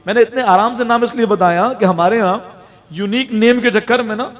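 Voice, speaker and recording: A man preaching a sermon, telling stories lively, acting out everyday characters and laughing lightly between points. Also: high-pitched. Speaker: Islamic preacher. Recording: long reverb of a large hall.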